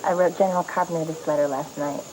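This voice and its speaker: A woman's voice: sits low, steady tone, fast talker, natural voice, poor audio. An actress playing a young woman who confronts a schemer, indignant and emotional, in a soap opera. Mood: defiant. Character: young woman caught in lies, desperate, defiant. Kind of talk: 1980s soap opera acting. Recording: TV soap audio with loud music.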